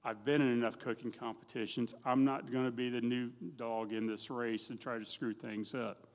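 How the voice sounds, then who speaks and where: A man's voice: mid-range voice, flat delivery, normal speed. Plain-spoken middle-aged man in a reverberant church. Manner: plain-spoken, folksy, self-deprecating. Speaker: church member giving testimony. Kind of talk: personal testimony storytelling. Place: church hall. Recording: long reverb of a church hall.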